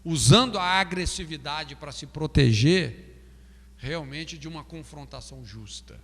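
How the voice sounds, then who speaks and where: Lively Brazilian pastor, gravelly voice. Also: male voice, fairly high pitch, unhurried, in a large hall. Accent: Brazilian Portuguese. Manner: lively, asks "não é?" often, acts out example phrases. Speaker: pastor teaching a counseling course. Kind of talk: classroom lecture.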